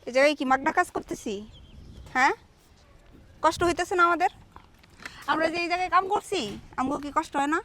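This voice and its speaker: A woman's voice: high voice, quick pace, pauses often, a bit bright. A woman playing a defiant poor laborer. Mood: indignant. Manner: indignant, firm, demanding. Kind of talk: short-film drama acting.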